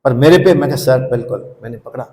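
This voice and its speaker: A man's voice: medium pitch, fast talker, a little mellow. A man telling humorous anecdotes, now and then breaking into song. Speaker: teacher hosting a session. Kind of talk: storytelling and anecdotes.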